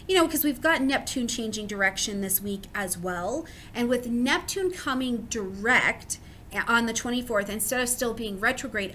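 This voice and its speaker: An American woman in her thirties giving a casual, chatty horoscope reading, expressive, emphatic and encouraging, recorded indoors close to the camera. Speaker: astrologer giving a weekly horoscope. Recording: faint background noise with low rumble.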